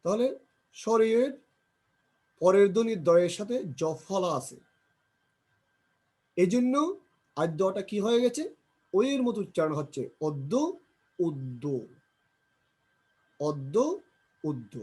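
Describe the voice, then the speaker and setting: Drilling pronunciation at a slow pace, this grammar teacher repeats sample words and answers his own questions. He has a high, animated voice with a dark tone.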